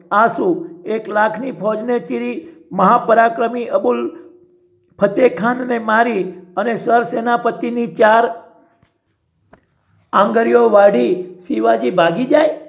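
A man narrating a story in a steady, dramatic storytelling manner, with a dull lo-fi sound. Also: very high voice, slow pace, creaky. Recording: dull lo-fi recording.

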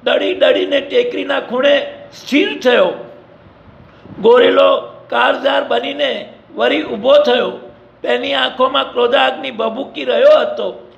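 A man's voice: very high-pitched, a little slow, gravelly. A man narrating a storybook adventure dramatically, in an echoey, dull lo-fi recording.

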